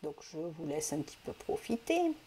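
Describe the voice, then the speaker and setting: A woman's voice: low-pitched, big pitch swings, moderate pace, warm tone, a little hiss or hum. A woman hosting a coloring tutorial, talking casually step by step with many fillers and self-corrections into a desk mic. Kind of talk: casual step-by-step craft demonstration.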